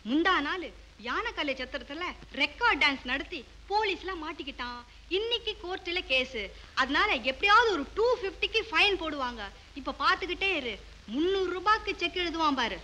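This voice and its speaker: A woman's voice: sits high, lively intonation, moderate pace, bright, forceful tone, a little hiss or hum. An actress playing a chatty office woman who eagerly tells every local scandal, in a 1970s film drama. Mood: knowing. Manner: eager, gossipy storytelling. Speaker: office gossip.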